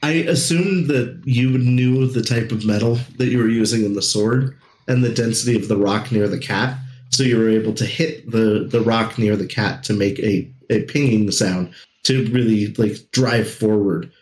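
A man narrating as game master in a relaxed way, with frequent ums and uhs. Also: fairly low pitch, moderate pace, echoey room, low-quality recording.

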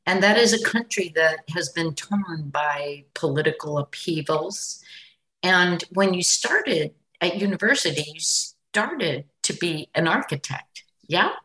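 Low-voiced woman hosting a podcast. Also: expressive, unhurried, sharp tone, rough recording. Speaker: podcast host. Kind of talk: scripted podcast intro and interview.

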